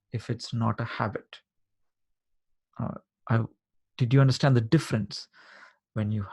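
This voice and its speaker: Husky-voiced man coaching patiently. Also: medium pitch. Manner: explains patiently, repeats points and checks the listener understands. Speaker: life coach. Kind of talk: live online coaching session. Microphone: video call.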